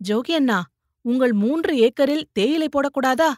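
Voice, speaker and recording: A woman's voice: high voice, normal speed, darkish tone, no echo, clean studio sound, pitched above the performer's own voice, close to an everyday voice. A woman voicing a practical, argumentative village woman who argues persuasively, in an audiobook reading.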